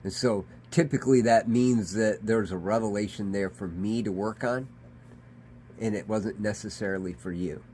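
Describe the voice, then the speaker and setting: A man's voice: lowish voice, fairly even intonation, moderate pace, darkish tone, a little hiss or hum. A man, a pastor, giving a conversational daily devotional sermon in an earnest manner. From Michigan. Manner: conversational, earnest, dramatizes quoted voices.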